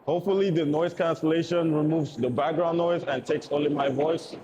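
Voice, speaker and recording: A man reviewing gear in a steady, explanatory way, his voice heard through a wireless mic's noise cancellation with processing artifacts. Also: on the high side, normal speed. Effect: noise-cancelled through a wireless mic, with processing artifacts. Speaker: product reviewer. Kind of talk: casual tech review walkthrough.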